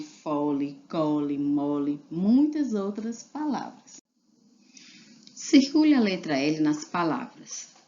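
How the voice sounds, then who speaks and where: A woman teacher walks young children through a reading lesson, sounding out syllables and words one at a time. Her voice sits low and she takes her time, patient and deliberate. The recording is dull and lo-fi, like a simple home setup. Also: dark tone.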